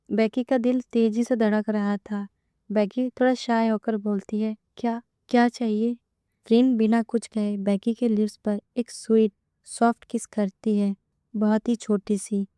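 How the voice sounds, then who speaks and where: A woman reading a romance story aloud in an even storytelling manner. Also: mid-range voice, smooth, no room sound, clean studio sound. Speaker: narrator. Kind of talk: scripted narration of a romance story.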